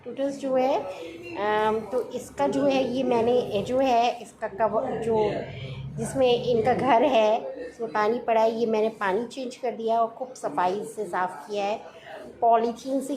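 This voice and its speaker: A middle-aged woman vlogging casually from home, homely and chatty, now and then lecturing. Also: a little high. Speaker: family vlogger. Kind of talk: casual vlog chat.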